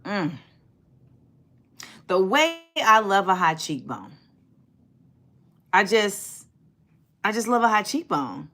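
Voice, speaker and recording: Speaking slowly in a mid-range voice with long pauses, a livestream host in her forties chats straight to her viewers. She's sassy and animated in this casual stream, reading viewer comments aloud and responding to them.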